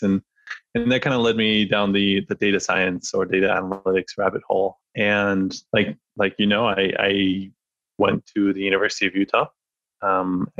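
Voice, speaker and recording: A data analyst who was born in France and raised in Spain appears as a podcast guest, working through his answers in a casual interview with frequent pauses, fillers and restarts. His voice is low yet a bit bright, thoughtful and unhurried. The recording is dry and a little dull.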